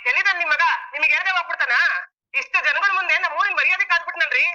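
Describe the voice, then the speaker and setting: A sharp-tongued woman of the bride's family, as a woman acts her out, firing shrill accusations in a high, bright voice at great speed. The track sounds dull and lo-fi. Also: racing, heavily acted. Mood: accusing.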